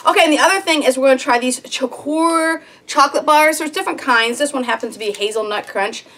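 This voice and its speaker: A woman's voice: sits high, a little fast, fairly bright tone. A woman in her thirties chatting casually to camera in a small sitting room, rambling a little with lots of ums. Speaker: homestead vlogger.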